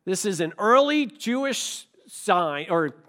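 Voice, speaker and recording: Man, pastor, preaching a sermon, slightly high voice, chatty, loud then soft. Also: sing-song, takes it slowly. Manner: conversational preaching, asks the room questions; swings from loud emphasis to quiet.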